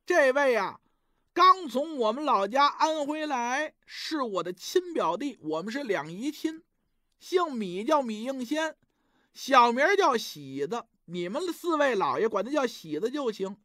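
A man's voice: very high voice, big pitch swings, measured pace, bright, forceful tone, dry recording, clean studio sound, full character voice. A male storyteller voicing a gracious, deferential host in dramatic dialogue. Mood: chatty, pleased. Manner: deferential, chatty, welcoming. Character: gracious, eager male host welcoming gentlemen guests.

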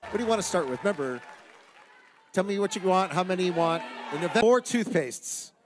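A man's voice: high-pitched, lively intonation, brisk, background noise. A middle-aged American man hosting a game show, explaining rules off the cuff in a casual, joking way. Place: large TV studio with audience. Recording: studio crowd and music behind. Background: crowd and music.

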